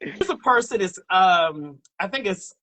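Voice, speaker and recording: Male dating-show host, playful teasing banter, high and bright. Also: expressive, moderate pace, rough recording. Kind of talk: casual live-stream chat.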